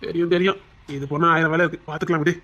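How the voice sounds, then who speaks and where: A woman's voice: fairly low pitch, little pitch movement, fairly bright tone, muffled recording. A woman voicing a playful young man in love, a former rowdy now working as a bank manager, in a Tamil audio drama. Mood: earnest. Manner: fast, playful, coaxing.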